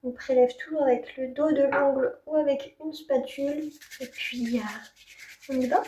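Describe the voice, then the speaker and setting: A woman with a Parisian French accent speaks in a high, mellow voice. She talks like a beauty vlogger demonstrating a product, in a colloquial, candid way that stays informal. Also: steady tone, moderate pace. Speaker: beauty vlogger reviewing skincare. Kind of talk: casual product demo chat.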